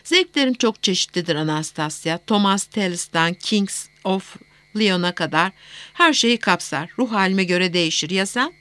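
A woman's voice: fairly low pitch, animated, normal speed, fairly bright tone, no echo. A woman reading the lines of a cool, controlling wealthy young man in an audiobook, curt and clipped.

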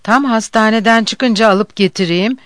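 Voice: medium pitch, measured pace, fairly bright tone, clean tone, dry recording, natural voice. A narrator voicing a gloomy, grumbling husband who puts on a stern tone, in an audiobook. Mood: brooding. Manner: grumbling, bossy.

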